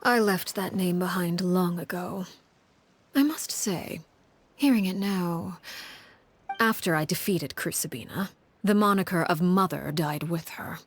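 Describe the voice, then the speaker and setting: The character is an icy, domineering woman in charge of an orphan household, played by an actress in a video game. Her delivery is hushed, husky and low, steady and threatening in its calm, and a little background noise can be heard.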